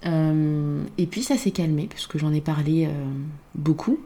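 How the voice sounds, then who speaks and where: A woman's voice: low voice, a little slow, mellow. A woman from Côte d'Ivoire talking in a casual podcast conversation, reflective and hesitant, with many fillers.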